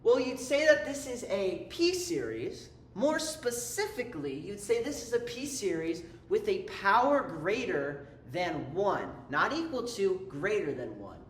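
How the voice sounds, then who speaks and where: A man walks through a calculus problem in a loose, talkative lesson, his pitch bouncing up and down as he goes. He trips over himself and adds jokey asides. The recording sounds roomy, with a faint hum of background noise. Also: sing-song, unhurried, few pauses. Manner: chatty, self-interrupting, playful asides. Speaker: math tutor. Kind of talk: casual whiteboard lesson.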